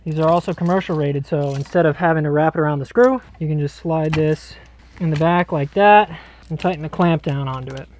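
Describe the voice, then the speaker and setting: A man's voice: on the high side, a little fast, darkish tone, slight background noise. A man explaining electrical work on the job in a cramped basement, in a casual, joking way. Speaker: electrician host. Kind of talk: explaining on-the-job wiring to camera. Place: cramped basement crawl space.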